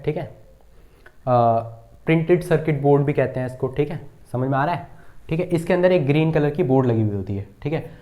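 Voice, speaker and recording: A man's voice: mid-range voice, warm tone. A man teaching a computer lesson at a board, asking the class questions and repeating key terms with frequent checks.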